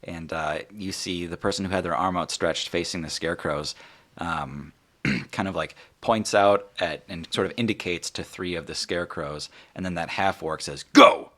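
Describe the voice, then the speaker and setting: A man's voice: low-pitched, steady tone, normal speed, a bit bright. A man narrating a tabletop game as game master, casual and full of fillers.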